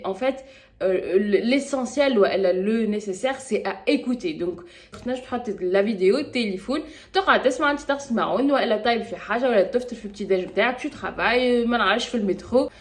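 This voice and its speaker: A woman's voice: a little high, quick pace. A Tunisian woman with a Tunisian accent, chatting casually and spontaneously in a podcast vlog, hesitating often and mixing French with Tunisian Arabic. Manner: switches freely between French and Tunisian Arabic. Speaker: podcast vlogger. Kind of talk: casual chat.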